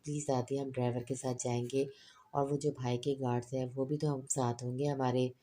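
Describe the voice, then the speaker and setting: Woman voicing an eager overconfident young woman, pleading, very deep and flat. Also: slight background noise.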